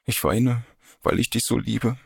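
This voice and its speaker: A man's voice: steady tone, moderate pace, no room sound, clean studio sound, close to an everyday voice. A man putting on a tearful young woman. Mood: tearful pleading. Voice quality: higher, softer voice than his narration. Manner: sobbing, pleading.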